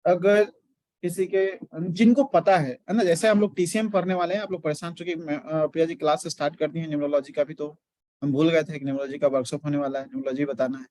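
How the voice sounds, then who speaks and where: A man's voice: fairly high pitch, steady tone, quick pace, darkish tone, no room sound. A man teaching an acupressure class in a mixed Hindi-English lecture, explaining step by step and often checking in with his students.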